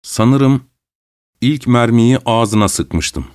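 A man narrating a first-person story in a measured, even way. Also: mid-range voice, smooth, no room sound, studio quality.

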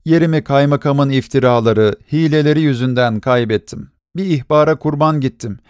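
A man's voice: medium pitch, normal speed, a little mellow, smooth, no room sound, studio quality, natural voice. A man voicing a young drunken beggar who pleads and stammers. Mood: pleading.

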